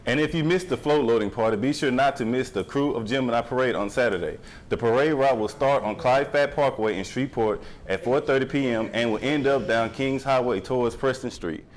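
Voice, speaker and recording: Young man, news anchor, friendly read, mid pitch, faint rumble. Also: fairly quick, few pauses.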